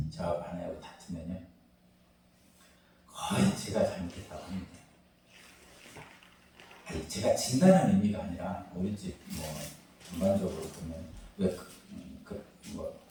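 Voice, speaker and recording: A male pastor preaching a morning sermon, moving between soft conversational asides and loud emphatic peaks, recorded in a church. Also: low voice, a little hiss or hum. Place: church sanctuary. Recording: roomy echo, from far off the mic.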